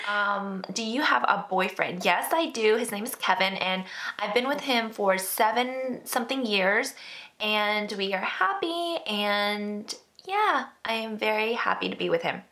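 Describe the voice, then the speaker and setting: A young woman in her twenties answering viewer questions in a relaxed sit-down chat. Her voice is bright and crisp, her pitch sits in the middle for a woman, and she rambles along in a friendly, self-deprecating way with plenty of fillers. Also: unhurried. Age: 20s. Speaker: beauty vlogger. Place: indoor, seated.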